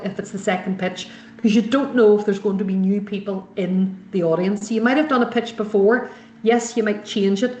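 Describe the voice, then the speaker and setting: A woman's voice: medium pitch, a little mellow. A woman giving explanatory coaching as a trainer, reassuring and emphatic, repeating her key phrases. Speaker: sales pitch trainer. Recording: roomy, echoey sound.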